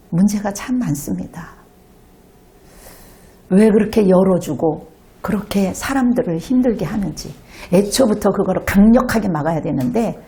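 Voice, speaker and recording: A woman pastor giving an animated sermon to a congregation in a church, sometimes acting out children's voices. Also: medium pitch. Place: church sanctuary.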